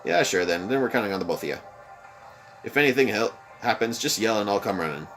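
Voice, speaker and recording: Deep-voiced young man reading a game aloud. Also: fast talker, faint music behind. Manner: animated, expressive reading. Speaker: let's play host. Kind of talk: reading a visual novel aloud with commentary.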